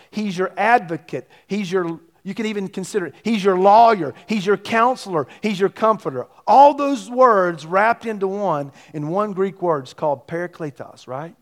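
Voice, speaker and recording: Male pastor, middle-aged, slightly high voice; emphatic sermon delivery full of rhetorical questions and dynamic swings in volume. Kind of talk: sermon to a congregation.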